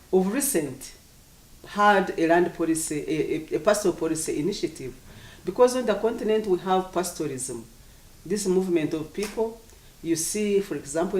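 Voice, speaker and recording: An African-accented official of medium pitch gives formal, explanatory interview answers, heard at a distance in an echoey room. The delivery is deliberate, and key words get repeated for emphasis. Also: darkish tone. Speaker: government official, agriculture commissioner.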